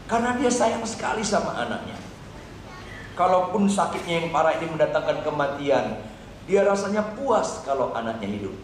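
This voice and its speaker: A male pastor preaches with wide, dramatic pitch swings, rising high at climaxes and dropping low at quiet moments. He repeats lines for emphasis and calls out to the congregation. The voice rings through a large chapel with heavy echo and faint noise. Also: big pitch swings, moderate pace. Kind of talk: sermon.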